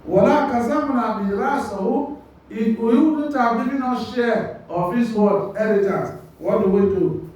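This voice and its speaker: High-voiced man teaching in an echoey hall. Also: moderate pace, a little mellow, lo-fi sound. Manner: reads a passage, then explains it line by line; quizzes listeners with rhetorical "what?" questions. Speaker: Quran commentary teacher. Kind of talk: religious lesson. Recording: very echoey hall, mic far off.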